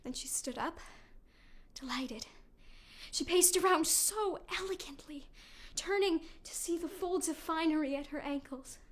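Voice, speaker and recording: An anguished servant messenger from Greek tragedy, acted by a woman in a classical stage style. The voice is very high and bright, with theatrical delivery that shifts between hushed and forceful as horror is recounted. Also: exaggerated voice. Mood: hushed, storytelling. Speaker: actor performing an audition-style monologue. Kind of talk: classical stage acting, dramatic tragic monologue.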